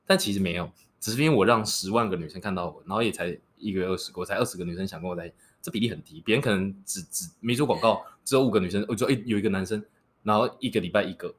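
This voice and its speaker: A man's voice: lowish voice, racing, breathy edge. A man in his twenties chatting casually and cheekily about relationships as a podcast guest. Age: 20s. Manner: joking, cheeky.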